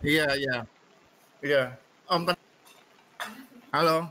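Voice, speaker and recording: A man's voice: on the high side, fairly even intonation, very slow, sharp tone, poor audio. A man from Central Kalimantan calling in to a live talk show over a bad connection that keeps breaking up. He hesitates and repeats short replies. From Central Kalimantan, Indonesia. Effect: choppy call over a bad connection. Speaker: caller. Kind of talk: casual call-in chat.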